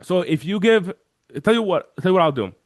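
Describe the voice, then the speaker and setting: A man talking as an interview guest, walking through software on a shared screen and acting out the voices of chat viewers. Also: high-pitched, fairly quick, no echo. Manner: animated, acts out quoted chat voices. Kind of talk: energetic screen-share walkthrough.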